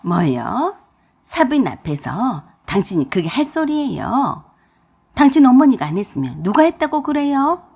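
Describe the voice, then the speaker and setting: Woman voicing a shrill nagging mother-in-law. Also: very animated, measured pace, gravelly, husky, exaggerated voice. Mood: indignant.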